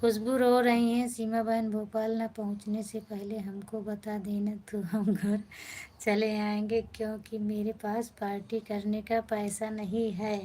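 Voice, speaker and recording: A woman hosting a casual live stream from a phone, reading viewers' comments and gently soothing them, calling them brother and sister. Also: medium pitch, little pitch movement, unhurried. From India.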